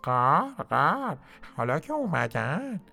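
A man voicing a friendly old crow in a storybook tale, cawing and calling out loudly. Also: a little high, sing-song, vocal fry, soft background music, pitched above the performer's own voice, heavily acted.

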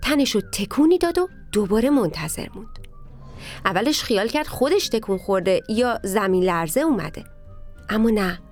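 A woman narrating a children's story, speaking directly to the kids in an animated way. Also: fairly high pitch.

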